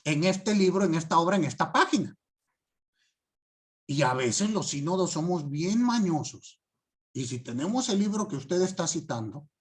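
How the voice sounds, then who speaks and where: A man giving a class lecture, stressing key words and often asking students if it is clear. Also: sits high. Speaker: law teacher.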